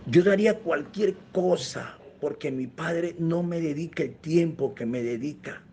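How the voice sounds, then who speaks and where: A man's voice: on the high side, measured pace, creaky, dark tone, slight background noise. A pastor retelling the words of a young man who fears his parents will divorce, quoted in an earnest, pleading way. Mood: tearful. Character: tearful teenage boy fearing his parents' divorce.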